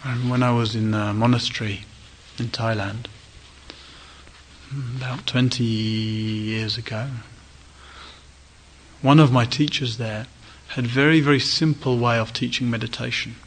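A male meditation teacher giving a dharma talk at a retreat, speaking gently in short, inviting phrases with pauses. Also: mid-range voice, steady tone, rough recording.

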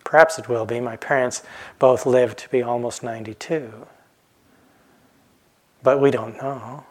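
A man in his late fifties giving a calm, reflective dharma talk as a meditation teacher, pausing often and letting phrases trail off softly. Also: mid-range voice. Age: 50s. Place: retreat center hall.

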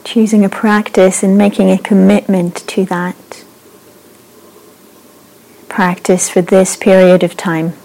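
A woman leads a guided meditation in a mellow, warm voice. She speaks slowly and gently, leaving long pauses between phrases, and her pitch stays even and flat throughout. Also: creaky, rough recording. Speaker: meditation teacher.

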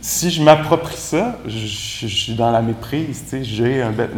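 A man with a Québécois French accent gives a Buddhist talk to a group. He sounds relaxed and conversational, with gentle self-mocking humor. His voice sits at an ordinary pitch, and the room around him echoes. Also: moderate pace, a little hiss or hum. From Quebec. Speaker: meditation teacher.

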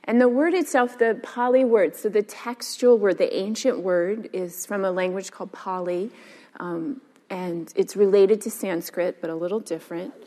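A woman's voice: mid-range voice, moderate pace, warm tone. Chatty woman meditation teacher in a hall. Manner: casual, chatty, many fillers. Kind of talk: dharma talk. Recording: long hall reverb.

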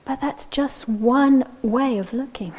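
Speaking in a high, husky voice, a female meditation teacher offers a slow, gentle dharma talk on a low-quality recording. She frequently checks in with "yeah?" and occasionally drops almost to a whisper.

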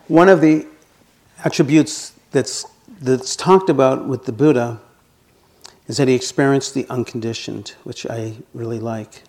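60-something meditation teacher doing a dharma talk, jokes about himself a lot, mid pitch. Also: male voice, slow pace, pauses often. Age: 60s. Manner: gently humorous, self-deprecating.

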